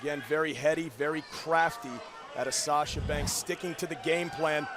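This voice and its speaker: A man's voice: on the high side, steady tone, moderate pace. A man giving opinionated, emphatic color analysis as a wrestling commentator. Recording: loud crowd and arena noise. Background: noisy arena crowd.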